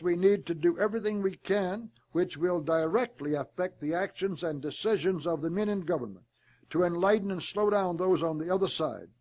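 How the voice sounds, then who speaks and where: A man delivering a formal prepared speech in a deliberate, oratorical manner, reading it aloud and even saying the quotation marks. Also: on the high side, dull audio. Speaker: speaker delivering a prepared address.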